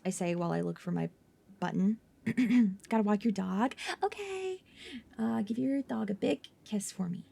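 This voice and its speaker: A woman hosting a casual ASMR livestream in a hushed, playful, teasing way, often slipping into a whisper. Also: medium pitch, animated, moderate pace, vocal fry, slightly rough. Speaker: livestreamer host.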